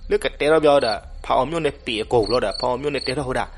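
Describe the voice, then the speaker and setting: A man narrating a folk legend, animated and switching voices for the characters. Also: mid-range voice, rapid-fire. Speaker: storyteller. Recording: noisy recording with crickets behind.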